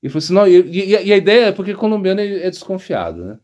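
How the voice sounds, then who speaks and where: Man, spiritual talk, anecdotal, animated pitch, slightly high voice, husky. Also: racing. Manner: rambling storytelling, acts out quotes, laughs often. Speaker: monk giving a spiritual talk. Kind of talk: informal spoken discourse with anecdotes.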